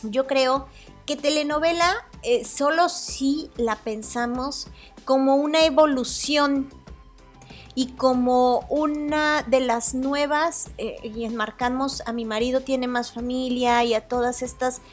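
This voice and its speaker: A woman's voice: sits high, fairly even intonation, takes it slowly, faint music behind. A woman with a Mexican Spanish accent hosting a solo podcast, talking in a chatty, hedging way and often correcting herself. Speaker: podcast host. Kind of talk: casual solo podcast commentary.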